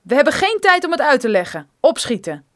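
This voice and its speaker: A woman reading an audiobook, voicing a curt armed man who gives loud, clipped orders. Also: high voice, very animated, brisk, voice pushed up. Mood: commanding.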